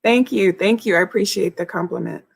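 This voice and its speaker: A woman's voice: medium pitch, brisk, vocal fry, husky, dry recording, studio quality. A woman hosting a casual live stream, greeting viewers in a bubbly, effusive way.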